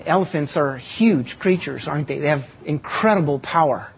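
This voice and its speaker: Male pastor, fairly high husky voice, sermon on a muffled lo-fi recording. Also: animated. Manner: teaching with illustrations and slow emphatic pauses.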